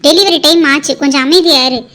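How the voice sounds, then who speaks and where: A woman voicing a brisk bossy cartoon doctor. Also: high voice, sharp tone, a little hiss or hum. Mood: urging. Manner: commanding, brisk.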